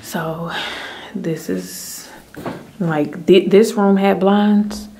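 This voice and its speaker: Filming on her handheld phone, this thirtysomething vlogger gives a chatty walkthrough of an empty house, rooms and basement included, addressing viewers as "guys" and "y'all" with evident relief. Her mid-range voice is dark, fairly even, and very slow, with a little hiss or hum underneath.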